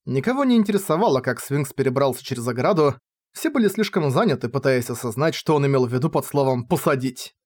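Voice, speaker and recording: A man narrating an audiobook in a steady storytelling manner. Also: medium pitch, fast. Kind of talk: scripted narration.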